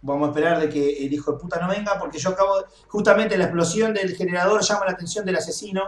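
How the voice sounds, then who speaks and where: A young man with a Rioplatense Spanish accent commentating a game, excitable, swearing, and screaming when chased. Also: high-pitched, fast. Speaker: gameplay streamer. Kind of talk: gaming commentary. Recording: echoey room, faint noise.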